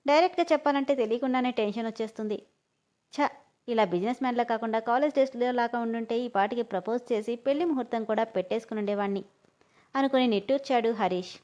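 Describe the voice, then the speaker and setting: A woman's voice: a little high, fast, darkish tone, lo-fi sound. A woman hosting her channel and narrating a story, friendly and addressing listeners as friends.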